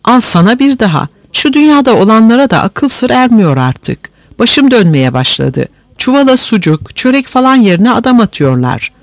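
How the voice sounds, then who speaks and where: A man voicing an excitable, easily frightened village weaver in a read-aloud story, blustering and agitated. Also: sits high, moderate pace, dry recording, voice pushed up.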